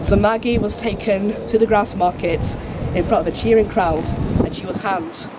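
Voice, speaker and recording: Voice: medium pitch, moderate pace. Tour guide storytelling over heavy street noise. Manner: chatty, wry humour, mild swearing. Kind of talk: informal spoken storytelling to a tour group. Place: outdoors on a city street, cars behind. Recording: very noisy outdoor street recording with traffic.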